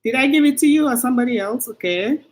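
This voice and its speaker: A woman hosting a live stream, warmly greeting viewers one by one by name. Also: high-pitched, fast. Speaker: livestream host. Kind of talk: casual livestream greeting.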